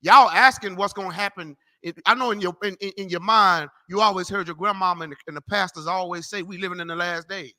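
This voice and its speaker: Brief: profane street preacher, man, high, tense, cutting. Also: fast talker, hardly any pauses, sharp tone. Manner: brash, profane, mocking, tells people off. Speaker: street preacher teaching a class. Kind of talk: loud street-corner Bible teaching.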